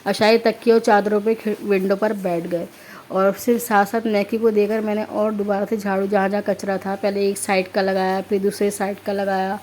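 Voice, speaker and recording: Woman, thirties, hoarse, chatty home vlog voice-over, many fillers, medium pitch. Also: flat delivery, moderate pace, a little mellow, a little hiss or hum. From Pakistan. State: hoarse throat. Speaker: vlogger, homemaker. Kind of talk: casual voice-over narration.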